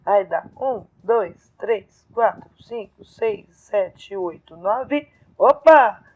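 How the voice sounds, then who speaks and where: A woman's voice: mid-range voice, extremely slow, mellow, slightly rough. A woman teacher explaining poetry scansion step by step, counting syllables aloud in a lesson. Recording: phone-like narrow sound.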